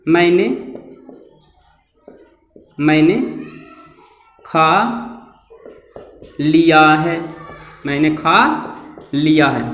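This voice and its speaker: A man teaching English grammar at a board, repeating points and putting questions to his class. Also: high voice. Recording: echoey room with long reverb.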